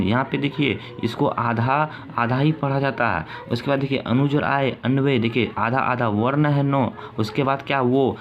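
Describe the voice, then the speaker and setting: A man's voice: medium pitch, vocal fry. A male teacher giving a grammar lesson, repeating his points and asking questions that he answers himself. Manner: repetitive, asks questions and answers them himself. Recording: dull lo-fi sound with faint ambient noise.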